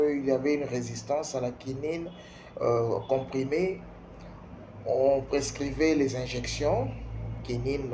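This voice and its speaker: A man in his fifties from Kinshasa, speaking with a Congolese accent, delivers a spoken opinion piece aimed at parents. He is emphatic, repeats words and poses rhetorical questions in a dark-toned, mid-range voice. The room echoes, with faint background noise.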